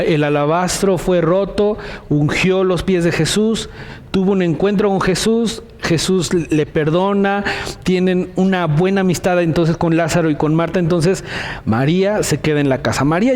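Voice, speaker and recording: A man's voice: high-pitched, unhurried, darkish tone. A man preaching a sermon in Mexican Spanish, retelling a scripture scene and dramatically voicing the characters' laments. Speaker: pastor.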